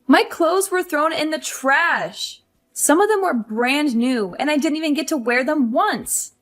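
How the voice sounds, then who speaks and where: A woman's voice: sits high, lively intonation, measured pace. A woman voicing a frustrated young career wife who pleads and complains about her mother-in-law. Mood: exasperated. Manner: pleading, exasperated. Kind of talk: animated story voice acting.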